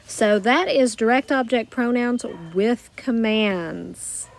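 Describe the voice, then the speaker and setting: A woman teaching a recorded grammar lesson, explaining slowly and carefully with worked examples. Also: a little high, gravelly, a little hiss or hum. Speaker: Spanish teacher.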